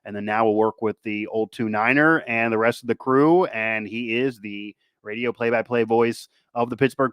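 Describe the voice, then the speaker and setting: With a medium-pitched voice and no echo in the audio, this man hosts a sports podcast. His casual chat and interviewing wander, looping back over the same ground.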